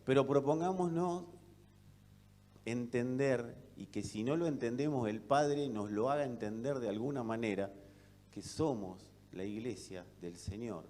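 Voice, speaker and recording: A man preaching a sermon with an Argentine accent, asking rhetorical questions and swinging between loud and soft delivery. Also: mid-range voice, unhurried, slight background noise. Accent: Argentine Spanish. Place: church hall. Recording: long reverb of a church hall.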